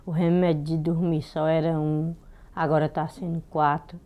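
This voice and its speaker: A middle-aged woman, a local resident giving slow, halting, weary interview testimony. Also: low voice, little pitch movement, highs cut off.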